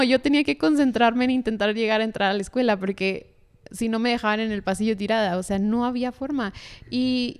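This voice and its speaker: A young woman from Mexico, a podcast guest, sharing a personal faith testimony in a casual, earnest and animated way. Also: fairly high pitch, smooth. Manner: earnest, animated storytelling with laughs.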